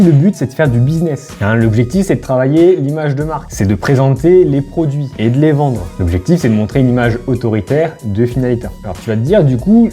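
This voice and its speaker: French man vlogging over soft music. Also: fairly high pitch. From France. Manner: direct, addresses viewer informally with tu. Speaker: YouTuber and brand founder. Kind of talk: scripted vlog monologue to camera. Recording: faint background music.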